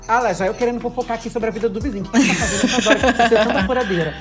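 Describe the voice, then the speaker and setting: A young woman co-hosting a podcast, telling building gossip in a casual, animated way with plenty of swearing and pet names for her friends. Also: fairly high pitch, racing, over music. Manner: animated, swears freely, calls friends "amiga" and "gata". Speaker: podcast co-host.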